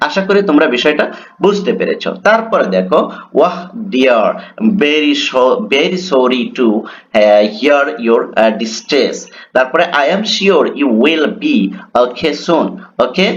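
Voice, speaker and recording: A man with a Bengali accent teaching an English grammar lesson, reading the English examples slowly and explaining them with rhetorical questions. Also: a little high. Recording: dull lo-fi with faint noise.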